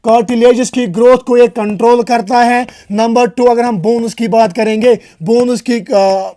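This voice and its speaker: Teacher with a sore throat and high voice. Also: male voice, steady tone, measured pace, dark tone. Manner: repeats terms and quizzes students, calling them "beta"; mixes English terms into Hindi. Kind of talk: recap and whiteboard lecture.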